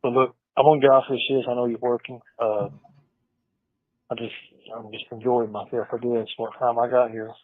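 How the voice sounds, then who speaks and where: A man's voice: mid-range voice, level tone, no room sound. Guy on a prison phone call, tinny line, dead dry, laid-back and cussing. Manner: laid-back, swears often, drawn-out slang. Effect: inmate on a jail phone call. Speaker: inmate calling family. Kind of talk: casual phone chat.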